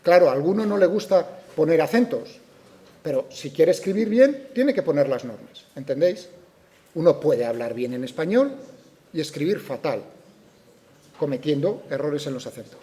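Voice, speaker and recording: A man's voice: a little high, big pitch swings, normal speed, mellow. A man with a Spain Spanish accent teaching a physics class. He keeps checking that students follow and raises their likely objections before answering them. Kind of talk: classroom lecture.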